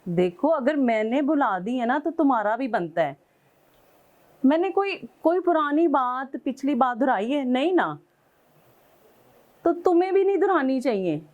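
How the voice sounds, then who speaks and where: A woman's voice: sits high, very animated, a little slow, darkish tone, muffled recording. A woman from Pakistan, angrily scolding her husband on a call and then telling a host about it in an indignant, pleading way. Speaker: caller, estranged wife. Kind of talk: angry phone call to husband.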